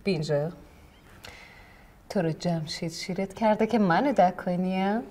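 An actress playing a brash, bossy wealthy wife who talks rudely and commands everyone in a TV comedy. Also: female voice, dark tone, natural voice. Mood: indignant. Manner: shrill, rude and commanding, with sudden laughs. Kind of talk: TV comedy acting.

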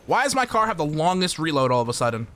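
Young guy streaming a shooter, kinda high bright voice, hyped and swearing, talking to chat. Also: fast talker. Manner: excitable, swears casually, talks to chat and teammates. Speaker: gaming streamer. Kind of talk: live gameplay commentary.

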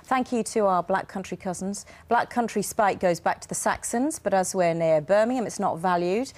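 A woman's voice: mid-range voice, moderate pace, a little mellow. A woman presenting breakfast news, reading out viewer messages and chatting with her co-presenter. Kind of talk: studio news chat.

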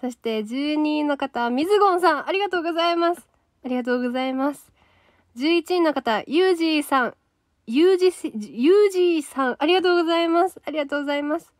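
A young woman with a Kansai accent hosts a solo livestream and reads viewer comments aloud in a loose, chatty way. Her voice sits a little high. The sound is close and dry, with no room around it. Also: lively intonation, quick pace, no echo. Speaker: idol trainee livestream host.

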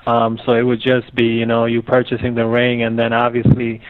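A man's voice: mid-range voice, completely flat delivery, moderate pace. A man working as a customer service agent, speaking politely and hesitantly over the phone, with many ums and calling the caller sir. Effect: heard over the phone. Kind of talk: phone support call. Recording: tinny phone line.

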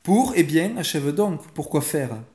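A man voicing a stern, quick-tempered mother who scolds sharply and impatiently, in a bedtime story reading. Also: fairly high pitch, very animated, a little mellow, slight background noise, voice pushed up. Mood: angry.

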